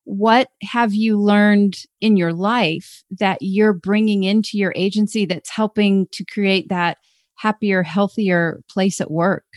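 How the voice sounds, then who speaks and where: A woman hosting an interview, encouraging and upbeat, quick to praise her guest. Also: medium pitch, dry recording, clean studio sound. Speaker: interviewer host. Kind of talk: friendly interview chat.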